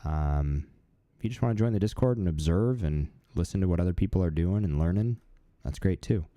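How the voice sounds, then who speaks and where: Low-voiced man chatting on a livestream. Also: fairly quick, no room sound. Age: 30s. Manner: relaxed, chatty, many fillers. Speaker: livestream host. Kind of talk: casual live-stream chat.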